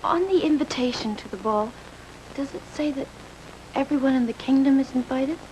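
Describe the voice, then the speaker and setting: An actress playing a meek, hopeful young stepdaughter in a fairy tale, hesitant, polite and wistful. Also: female voice, high-pitched, moderate pace, a little mellow, slight background noise, close to an everyday voice, poor audio. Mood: timid. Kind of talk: fairy-tale television acting.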